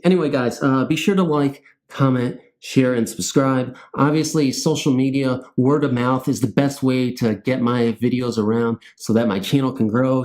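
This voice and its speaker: The host of a scary story channel chats casually with his viewers, rambling along in a goofy, self-mocking way. His voice is mid-range with a darkish tone.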